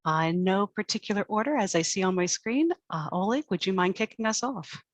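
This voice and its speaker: A woman's voice: mid-range voice, brisk, no room sound. A woman moderating an online panel. She reads a prepared introduction and then calls on each panelist in turn. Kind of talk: scripted introduction then hosting. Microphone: video call.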